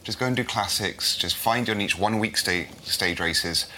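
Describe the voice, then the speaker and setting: A man's voice: fairly low pitch, moderate pace, bright, forceful tone, slight background noise. A man from Scotland giving his opinion in casual panel chat, reflective and emphatic. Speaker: podcast guest, cycling pundit.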